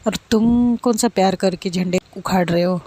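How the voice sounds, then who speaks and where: A woman's voice: mid-range voice, normal speed, mellow, close to an everyday voice. A woman playing a feisty, outspoken young woman. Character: bold, meddling young single woman.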